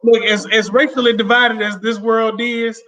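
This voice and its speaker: A middle-aged man joins a podcast as a guest and chats in a joking, emphatic way. His voice is high for a man. He sits well back from the mic. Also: little pitch movement, normal speed, sharp tone. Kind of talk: casual chat. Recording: distant from the mic.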